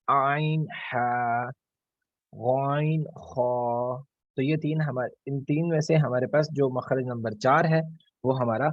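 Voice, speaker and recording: Guy teaching quran recitation online, a bit husky, patient, says each sound slow and twice, dull dry lo-fi audio. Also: medium pitch, darkish tone, dry recording. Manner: patient, repeats each letter sound slowly as a model. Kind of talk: online tajweed lesson. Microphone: online class call.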